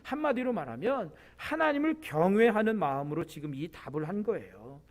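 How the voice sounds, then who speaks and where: A male pastor with a high-pitched voice delivers a midweek church sermon. He explains the scripture step by step and turns to the congregation with rhetorical questions. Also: very animated, moderate pace.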